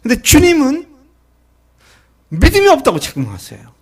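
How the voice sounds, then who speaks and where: This middle-aged pastor has a very high-pitched voice and preaches at a normal pace. His sermon is animated: he voices Jesus and the disciples in the quoted lines, and he puts questions to his listeners before answering them.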